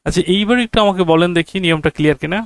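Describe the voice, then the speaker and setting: A man teaching an English grammar lesson, repeating key phrases slowly and checking whether his students follow. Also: on the high side, dry recording. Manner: quizzes students with rhetorical checks. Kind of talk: classroom grammar lecture.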